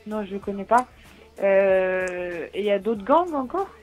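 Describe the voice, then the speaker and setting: A woman taking calls as a helpline operator over the phone, asking and answering in a hesitant, halting way. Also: medium pitch, animated, narrow, tinny audio, soft background music. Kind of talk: phone conversation.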